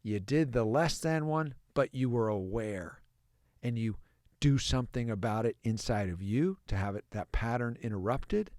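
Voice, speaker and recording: A man's voice: fairly low pitch, darkish tone, no echo, studio quality. A man hosting a podcast, giving an earnest motivational talk and acting out little everyday scenes as examples. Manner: earnest, coaching, acts out little scenes with a parent and child. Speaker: podcast host.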